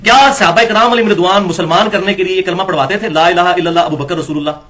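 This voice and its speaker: This Islamic lecture comes from a man with a high, slightly bright voice. As a religious lecturer, he quotes passages from books and disputes them, critiquing the texts with rhetorical questions in an argumentative manner.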